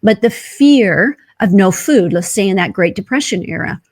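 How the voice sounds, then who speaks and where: A woman's voice: medium pitch, lively intonation, normal speed. A woman guest on a podcast, speaking earnestly in a coaching tone and asking rhetorical questions. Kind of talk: conversational interview.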